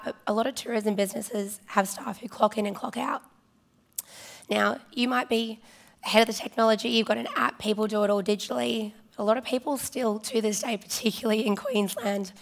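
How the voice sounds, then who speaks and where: A woman with a hoarse voice that is giving out, presenting informally and chattily to a conference. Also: mid-range voice. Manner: chatty, informal, addressing audience directly. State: hoarse, losing her voice. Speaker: conference presenter, partnerships manager. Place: large conference hall stage, indoors.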